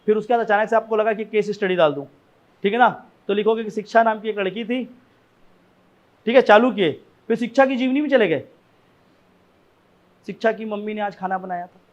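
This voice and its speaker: A man a notably high voice lectures a class on essay writing. He talks in a loose, conversational way, often stopping to check that his students follow. He asks rhetorical questions and keeps coming back to his main points. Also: fairly quick, long pauses, highs cut off. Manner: conversational, frequent "ठीक है ना" check-ins.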